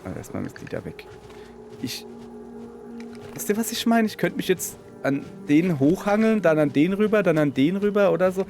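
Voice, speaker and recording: A man's voice: high-pitched, very animated, normal speed, gravelly. A man with a Palatinate German accent giving chatty let's play commentary, talking to his viewers and mocking himself. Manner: chatty, self-mocking, talks to viewers and the game. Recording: game music playing underneath.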